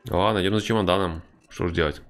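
A man's voice: low-pitched, fairly even intonation, quick pace, faint music behind. A man giving casual, wry commentary on a horror game playthrough, with mock-tough banter. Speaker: game streamer.

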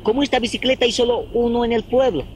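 An actor with a Bolivian Spanish accent playing a sly village trader in a film, with a scolding, bossy way of talking. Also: male voice, extremely high pitch, fairly even intonation, fast, a little hiss or hum. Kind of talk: film acting.

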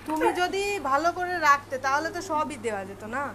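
A woman's voice: high voice, animated, fairly quick, bright, forceful tone. A woman at home at night, scolding and coaxing her pet in baby talk. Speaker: pet owner. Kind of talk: home video, talking to a pet. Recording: noisy home recording with dog sounds. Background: dog barking and whining.

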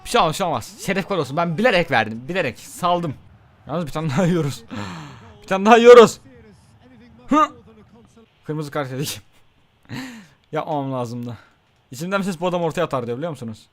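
A young man giving live gameplay commentary on a football video game, excitable, talking to the players on screen and repeating his words. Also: on the high side, fast talker. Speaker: gaming YouTuber.

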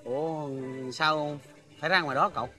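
A timid older lottery seller. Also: male voice, on the high side, moderate pace, sharp tone, faint music behind. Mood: hesitant. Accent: Southern Vietnamese. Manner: hesitant, polite, many fillers. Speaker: actor. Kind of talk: TV drama acting.

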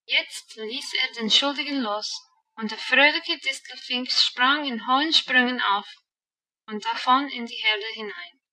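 A woman narrating an audiobook in a calm, even storytelling voice. Her tone is bright and somewhat high, and she sounds a little distant from the mic. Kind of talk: scripted narration.

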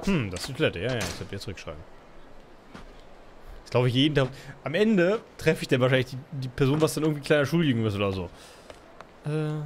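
A man's voice: medium pitch, sing-song, fast, long pauses, slight background noise. A man casually commenting on his gameplay as a let's play host, muttering and rambling with many fillers.

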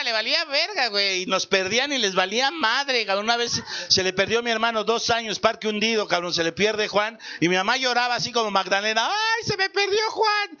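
Crude fifty-something Mexico City comic. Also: male voice, high voice, bright, forceful tone. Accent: Mexico City Spanish. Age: 50s. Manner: crude, rapid, keeps asking the crowd for agreement. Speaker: stand-up comedian. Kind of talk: stand-up comedy set. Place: comedy stage in a beer hall. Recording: lo-fi with clear background noise.

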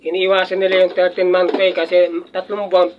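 High-voiced older man chatting, muffled. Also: completely flat delivery, brisk, a little hiss or hum. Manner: rambling, chuckling, with many restarts. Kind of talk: casual chat. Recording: muffled lo-fi audio.

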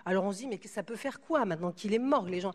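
A woman guest on a radio show, a medium recounting her experiences with lively quoted dialogue and frequent hesitations. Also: medium pitch, quick pace, in a large hall. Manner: animated, acts out dialogue, hesitant fillers. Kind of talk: radio interview storytelling.

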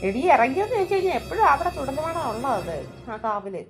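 Quick, high-voiced woman over music. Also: sing-song. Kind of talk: home-made family skit. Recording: music playing underneath.

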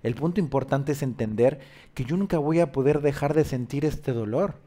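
Insistent spiritual guide. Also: male voice, medium pitch, moderate pace, warm tone. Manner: insistent, probing, rhetorical questions. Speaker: host giving spiritual guidance. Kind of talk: call-in spiritual counseling.

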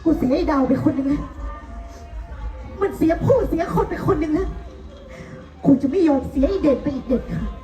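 A woman's voice: sits high, moderate pace, pauses often, dull audio, close to an everyday voice. Woman playing a fierce, protective mother. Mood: defiant. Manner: impassioned, scolding, near tears. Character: fierce grieving mother, protective of her son. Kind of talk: live Thai folk theater acting. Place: outdoor temple fair stage. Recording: echoey stage with loud music and crowd.

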